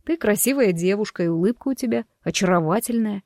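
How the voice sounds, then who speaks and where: Woman doing a softly teasing young man. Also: medium pitch, expressive, fast talker, no echo, clean studio sound, lightly acted. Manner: soft, amused, reassuring. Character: teasing young man, calm, gently mocking husband.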